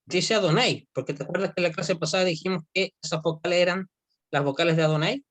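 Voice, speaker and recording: A man's voice: high voice, a bit bright. Patient man teaching a Hebrew class. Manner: explains slowly, often checks with "¿ya?". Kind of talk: online class lecture.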